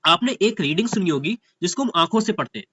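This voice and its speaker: A young man teaching an exam class in casual Hindi, checking in constantly with "ठीक है?" and reading English passages slowly. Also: high-pitched, lively intonation, pushed and bright, breathy edge, no echo. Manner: keeps asking "ठीक है?" and addresses students as भैया; reads English slowly, spelling words letter by letter.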